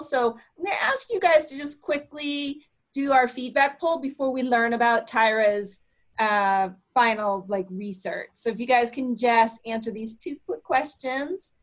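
A woman hosting an online talk on a video call, reading poll questions aloud and encouraging people to try. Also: on the high side. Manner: friendly, encouraging, reads poll options aloud. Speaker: webinar host.

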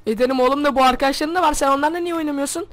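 Rapid, excitable young man playing a game. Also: extremely high pitch, heavy background noise. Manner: excitable, yelling, addresses viewers. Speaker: gaming youtuber.

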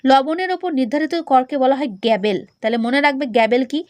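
A woman teacher talks fast in a high voice. She explains a point and then quizzes the listener on it. The sound is dry and close, with no room echo. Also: darkish tone. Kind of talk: classroom lecture.

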